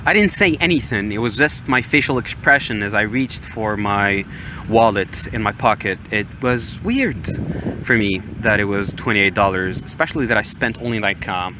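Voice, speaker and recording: This young man from Morocco speaks with an American accent, his voice fairly low and his pace moderate. As a podcast host, he shares casual personal stories somewhat hesitantly, with the steady sound of ocean waves in the background.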